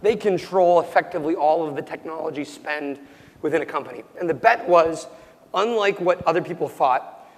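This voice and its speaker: A young startup founder answers interview questions almost yelling, full of ums and restarted sentences, at normal speed. He is losing his voice, which is going hoarse, cracks now and then, and sits a little high for a man. A long, lingering reverb hangs on the recording.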